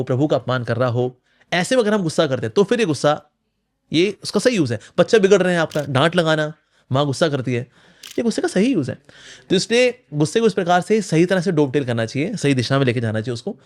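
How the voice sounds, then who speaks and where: A man answering in an interview, animated and explanatory, who often slips into acting out imagined inner voices. His voice sits fairly high. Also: quick pace. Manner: animated, acts out inner voices, mixes English phrases. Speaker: spiritual speaker.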